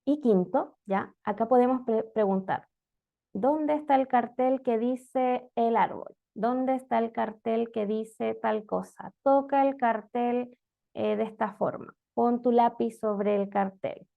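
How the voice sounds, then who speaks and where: Her voice is a little high and creaky, and she speaks slowly. She's a special education instructor lecturing online about teaching reading, moving step by step and often checking in with "¿ya?", captured in muffled lo-fi audio.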